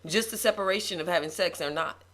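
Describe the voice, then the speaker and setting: Animated woman preaching in casual chat. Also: fairly low pitch, quick pace. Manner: animated, preachy emphasis, laughs often. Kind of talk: casual faith talk.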